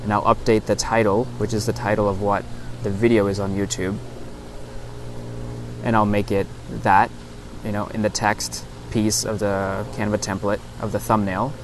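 A man with a fairly low voice talks casually as a solo podcast host. He explains things step by step, rambling a little and correcting himself. It is recorded on a lapel mic out in an open park field, with clear outdoor noise behind him. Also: flat delivery, normal speed. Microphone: lapel lavalier into a phone.

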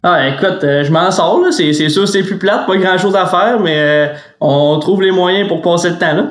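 A young man with a Quebec French accent, a hockey player guest answering casually in a relaxed, modest way. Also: high-pitched, moderate pace, roomy sound. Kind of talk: casual interview.

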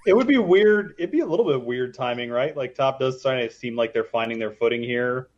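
A man co-hosting a casual podcast, speculating quickly, with his dogs heard in the background. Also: mid-range voice, animated, dull audio. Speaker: podcast co-host. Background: dogs barking.

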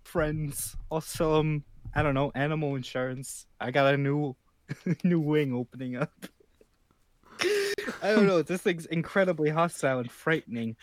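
A man playing in a tabletop game, chatting casually and cracking quick jokes. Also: on the high side, big pitch swings, no echo. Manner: joking, quick-witted. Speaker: player.

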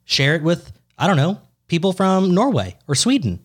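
A man in his twenties co-hosting a podcast, teasing and laughing often, his voice jumping high when excited. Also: moderate pace. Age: 20s. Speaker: podcast co-host. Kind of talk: casual podcast banter.

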